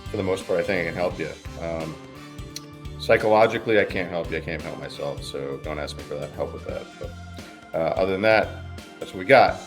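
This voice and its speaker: A man's voice: low voice, brisk, music in the background. A man as a podcast guest, talking casually and joking about himself. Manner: laid-back, joking, casual swearing. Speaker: guest, pharmacist and business consultant. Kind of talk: casual interview chat.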